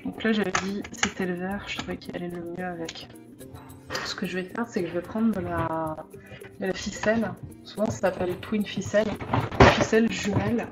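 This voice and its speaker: A woman thinking aloud as she makes a card, with frequent hesitations and the odd hushed aside. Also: on the low side, steady tone, moderate pace. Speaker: crafting vlogger. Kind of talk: casual crafting tutorial. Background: background music.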